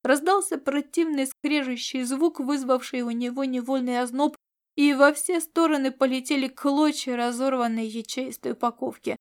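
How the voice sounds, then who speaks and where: A woman narrating an audiobook in a steady, expressive storytelling manner. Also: sits high, normal speed. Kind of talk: scripted narration.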